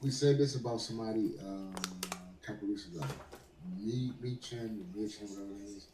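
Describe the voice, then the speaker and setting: A man's voice: lowish voice, normal speed, echoey room, background noise. A man co-hosting a casual wrestling podcast, talking bluntly and crudely, often repeating and restarting his words. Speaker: podcast co-host.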